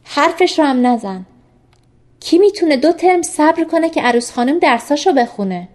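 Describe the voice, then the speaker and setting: A woman voicing a gentle, teasing young male doctor in an audiobook, speaking softly and affectionately. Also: sits high, expressive, pitched above the performer's own voice. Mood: coaxing. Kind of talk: audiobook character reading.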